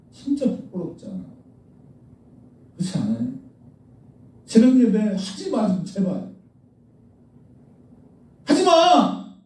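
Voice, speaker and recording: A man's voice: high-pitched, mellow. A man preaching a sermon as pastor, blunt and scolding, firing rhetorical questions at the congregation. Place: church sanctuary. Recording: echoey church hall, mic at a distance.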